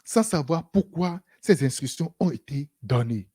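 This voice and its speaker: A lively preacher delivering a sermon, the pitch leaping up and down for emphasis. The voice has a slightly husky, breathy edge. The delivery is punctuated with hallelujahs and small acted-out conversations. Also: unhurried. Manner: animated, repeats "Alléluia", acts out dialogues.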